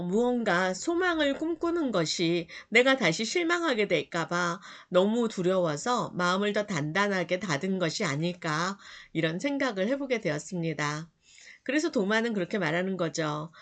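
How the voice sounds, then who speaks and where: A woman preaches a short morning devotional sermon in an earnest, personal tone. Her voice sits a little low for a woman. She keeps drawing her listeners in with rhetorical questions. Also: fairly bright tone. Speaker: pastor.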